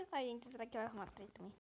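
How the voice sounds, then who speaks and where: A young woman with a Brazilian Portuguese accent chatting excitedly while she plays an online game, reading chat and dropping into whispers. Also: fairly high pitch. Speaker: gaming YouTuber. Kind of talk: casual gameplay commentary. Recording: noisy home recording.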